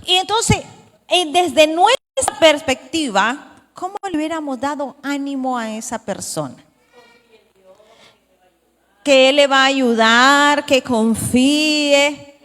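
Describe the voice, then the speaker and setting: A woman's voice: sits high, takes it slowly, pauses often, fairly bright tone. A woman leading a church Bible study in a conversational way, asking the congregation questions. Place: church hall. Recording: reverberant church hall.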